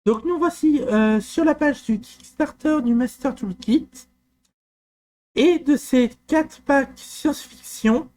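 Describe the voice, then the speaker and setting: Taking it slowly in a very high-pitched voice, a man narrates a screen-recorded software tutorial. Fillers and restarts crop up often, and he mixes his hesitant explanations with personal asides.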